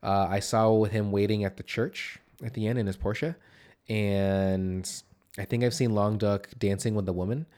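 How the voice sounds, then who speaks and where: A man's voice: on the low side, fairly even intonation, moderate pace, darkish tone. A man with a nasal voice chatting casually as the co-host of a movie podcast. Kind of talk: casual movie discussion, swearing.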